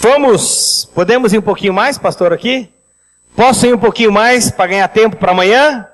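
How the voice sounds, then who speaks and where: A man preaching a seminar on finances, lively and speaking directly to the congregation. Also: sits high, normal speed, big-room sound, poor audio. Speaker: pastor leading a finance seminar. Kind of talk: sermon with storytelling.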